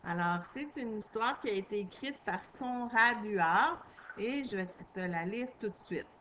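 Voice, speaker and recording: A woman's voice: medium pitch, lively intonation, unhurried, sharp tone, a little hiss or hum, poor audio. A woman teacher, patiently taking young children through a reading lesson and spelling out sounds.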